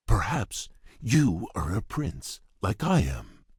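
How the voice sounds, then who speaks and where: An actor playing a courteous, shy beast prince in a video game, speaking formally and earnestly in a husky, gravelly rumble. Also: male voice, big pitch swings, takes it slowly, dry recording, clean studio sound, heavily acted. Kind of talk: video game character voice lines.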